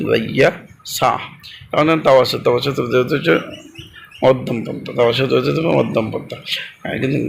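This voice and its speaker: A man teaching a recitation lesson in a gravelly, mid-range voice. He asks a question and answers it himself, then repeats it. He draws letter sounds out slowly, over a faint hiss of background noise. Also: mid-range voice. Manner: repeats each point and quizzes listeners. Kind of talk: classroom lesson.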